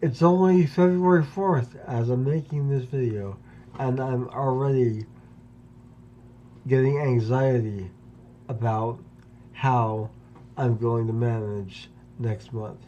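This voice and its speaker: A man in his fifties delivers a personal monologue, pausing often and weighing each phrase. His voice is mellow and dark, and he speaks slowly. The recording is dull and lo-fi, with a faint hum underneath. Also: medium pitch, fairly even intonation. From Pennsylvania, US. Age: 50s. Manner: slow, deliberate, with long pauses. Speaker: vlogger.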